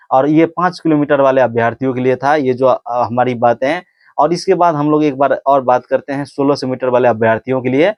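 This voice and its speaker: A physical test coach with a medium-pitched, slightly mellow voice talks casually to camera with no room sound. He offers earnest training advice, repeating his points and frequently restarting sentences.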